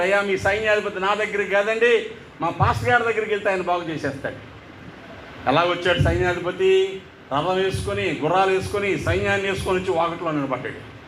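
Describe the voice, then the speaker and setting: A man pastor preaching a storytelling sermon, animated and acting out the characters in his story. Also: high voice, echoey room, slight background noise, low-quality recording. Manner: animated, acts out the characters' voices.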